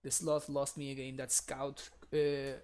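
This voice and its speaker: Streaming a card game, a young man with a Spanish accent, a native Spanish speaker, chats casually with his viewers and frequently laughs. He talks at a measured pace in a mid-range voice that's completely flat in delivery, with a darkish, clean tone.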